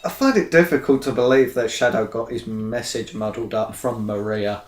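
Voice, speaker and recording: A man's voice: medium pitch, normal speed, reverberant. Dry-witted man co-commenting a game. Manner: dry, wry remarks. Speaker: let's play co-commentator. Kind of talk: casual gaming commentary.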